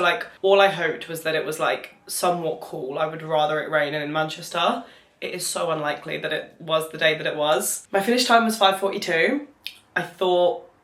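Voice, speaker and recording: A low-pitched, fairly bright voice belongs to a young British vlogger chatting casually on camera. Candid and rambling, she recounts what happened to her, using "like" as filler again and again, with a roomy echo on the recording.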